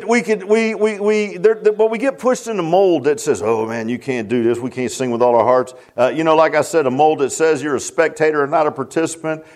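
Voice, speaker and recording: Standing before his congregation in the sanctuary, a pastor delivers a sermon in a deep voice. He circles back, starts over, and shouts out to the people in the pews.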